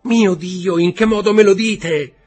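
A husky-voiced man voicing a distraught young noblewoman, lifting his voice high and crying out emotionally. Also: animated, normal speed, soft background music. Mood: offended. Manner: raised pitch, emotional, cries out.

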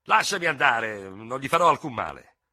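A man's voice: mid-range voice, very animated, normal speed, pushed and bright, voice pushed up, heavily acted. A man reading aloud voicing a cool, contemptuous young staff officer who speaks with exasperated disdain. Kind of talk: dramatic audiobook reading.

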